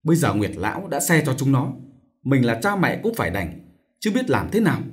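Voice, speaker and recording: A man's voice: mid-range voice, sing-song, a little fast, natural voice. A man doing a coaxing village aunt. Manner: soothing, coaxing. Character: gentle persuasive middle-aged village aunt.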